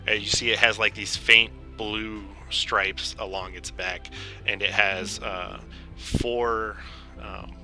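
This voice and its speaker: A man running a tabletop fantasy game as dungeon master, narrating casually and haltingly as he improvises. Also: on the low side, level tone, pushed and bright. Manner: halting, informal, searching for words. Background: background game music.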